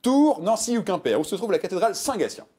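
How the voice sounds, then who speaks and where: A man with a high voice hosts a TV quiz show, talking fast over background noise. He reads out multiple-choice questions with lively emphasis and jokes playfully with the contestants.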